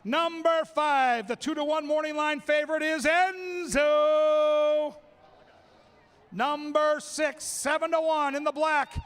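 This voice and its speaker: Track announcer, male, very high bright voice, excitable, shouts the race call. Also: slow pace. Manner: excitable, shouts calls and names. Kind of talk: live race-call commentary. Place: racetrack.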